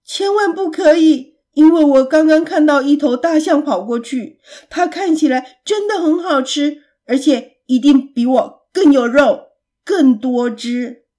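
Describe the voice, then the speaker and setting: Little boy piglet voiced by a woman, frightened, clever, very high pleading cries, breathy, storybook. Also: very animated, unhurried, darkish tone, heavily acted. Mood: eager.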